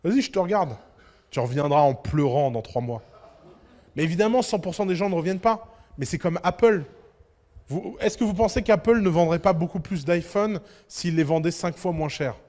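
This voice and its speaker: A man giving a lively talk to an audience as an entrepreneur, emphatic and full of rhetorical questions. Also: fairly high pitch, normal speed, in a large hall. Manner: emphatic, rhetorical questions, acts out little dialogues.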